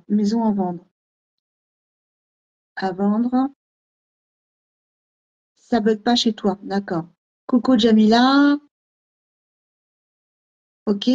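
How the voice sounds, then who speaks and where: A woman's voice: on the high side, dark tone, highs cut off. A woman hosting a live stream as a medium, greeting viewers and reading comments aloud in a scattered way. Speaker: host medium.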